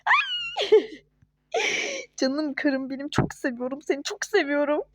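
A woman voicing a young husband and father in a home-made toy-game role-play, who pleads apologies and gushes with excitement. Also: high voice, measured pace, background noise. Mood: overjoyed.

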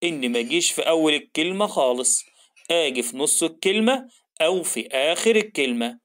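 A man with an Egyptian Arabic accent voicing the letter Alif as a stubborn male figure who sets rules, in a slow, lowered storytelling voice for a children's lesson. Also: lively intonation, fairly bright tone. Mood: firm.

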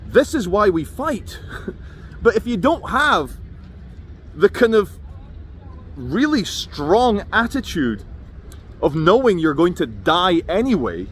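A vlogger in his thirties or forties delivers an intense, rambling opinion monologue to camera in a busy open city square, holding his phone at arm's length. His voice sits high with a fairly bright tone and a slight whistle on "sh" sounds, over noisy traffic and city ambience.

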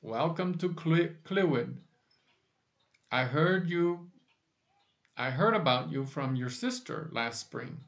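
A man reading aloud voices a friendly middle-aged farmer, in a warm, welcoming way. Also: a little high, animated, slow pace, long pauses, dull audio.

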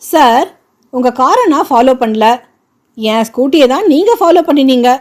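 A woman's voice: high voice, lively intonation, moderate pace, a little mellow. Woman reading as a timid, placating young woman. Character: meek young woman avoiding a quarrel.

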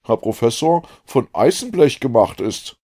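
A man voicing a bold, blunt Canadian harpooner in an audiobook, speaking loudly and emphatically. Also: mid-range voice, very animated, a little slow, pitched above the performer's own voice. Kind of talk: audiobook character voice.

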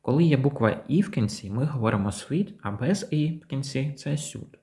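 Male language teacher, mid pitch, patient, repeats words for learners. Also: expressive, dark tone. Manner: repeats model words slowly and clearly. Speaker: English teacher. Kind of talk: language lesson.

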